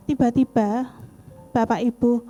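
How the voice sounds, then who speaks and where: A woman's voice: on the high side, fairly even intonation, unhurried, dark tone, muffled recording, soft background music. A woman, giving an earnest personal testimony in church in a conversational storytelling way. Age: 40s.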